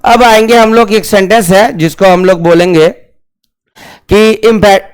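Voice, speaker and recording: Male teacher; smooth, resonant voice, asks and answers his own questions. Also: sits high, fairly even intonation, moderate pace. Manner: repeats key words, asks questions then answers them. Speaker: English grammar teacher. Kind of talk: classroom grammar lesson.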